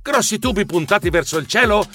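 Lively male audiobook narrator, high and very expressive pitch, soft music behind. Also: brisk. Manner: animated, dramatic.

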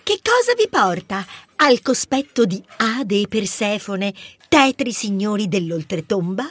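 Man doing a soft, high, coaxing storybook queen of the dead. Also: big pitch swings, a little slow, husky, dry recording, full character voice. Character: cold, coaxing female queen of the underworld.

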